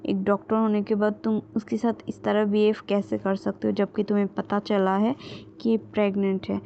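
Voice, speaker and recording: A woman's voice: mid-range voice, monotone, moderate pace, gravelly, lightly acted. A woman reading as a stern female principal. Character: stern yet caring female college principal. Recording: dull lo-fi with faint ambient noise.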